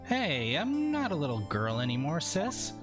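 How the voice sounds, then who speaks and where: A man's voice: wildly swooping pitch, unhurried, over music. [name], a man doing a cutesy bubbly girl. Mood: teasing. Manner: high cutesy girly voice. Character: bubbly teenage girl, cheerful and teasing.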